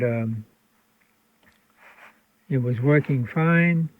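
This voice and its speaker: A radio restoration hobbyist hosts as he casually explains a repair at his workbench, rambling with frequent ums and restarts. His voice is medium-pitched and creaky, and the dry recording sounds tinny, like a phone.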